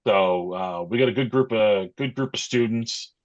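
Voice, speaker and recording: Low-voiced man chatting haltingly, dull audio. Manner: halting, thoughtful, conversational. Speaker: interview guest, pro wrestler and wrestling coach. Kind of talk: casual interview chat.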